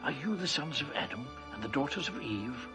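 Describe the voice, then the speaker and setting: An actor playing a fussy, kindly, secretive talking beaver who repeats himself and gives urgent warnings in a children's fantasy drama. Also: male voice, mid-range voice, animated, a little fast, lightly acted. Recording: music behind the voice.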